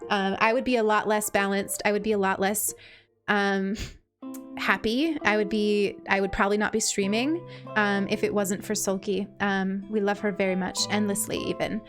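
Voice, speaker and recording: A woman's voice: medium pitch, fairly even intonation, normal speed, music in the background. A woman with a sweet, princess-like voice chatting casually on a game livestream, gushing affectionately as she thanks her viewers.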